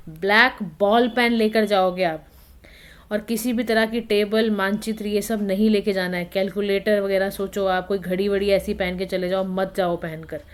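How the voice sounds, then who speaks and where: A woman in a casual teaching voice walks her viewers through exam rules. Her pitch sits in a middle range. She keeps checking that they are following and drops English words into her talk. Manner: chatty, addresses viewers directly with frequent checks like "theek hai na"; mixes English words into Hindi. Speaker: exam prep channel host. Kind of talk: informal instructional talk.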